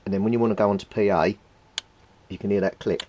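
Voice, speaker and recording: The recording is muffled: a British man in middle age speaks quickly in a fairly low, darkish voice with fairly even intonation. As a hobbyist radio repairer filming a video at a cluttered indoor workbench, he casually demonstrates and thinks out loud while handling the gear.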